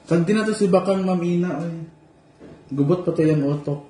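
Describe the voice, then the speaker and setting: Playful high-voiced man vlogging. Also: normal speed, mellow. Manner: playful and teasing, joking asides. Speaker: vlogger reading live comments. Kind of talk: casual livestream chat. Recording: echoey room with faint noise.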